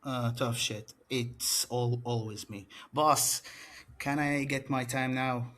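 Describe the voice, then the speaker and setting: A man's voice: mid-range voice, little pitch movement, takes it slowly, a bit bright. A man cutting a boastful wrestling promo as champion, taunting his rival in broken English. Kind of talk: wrestling promo trash talk.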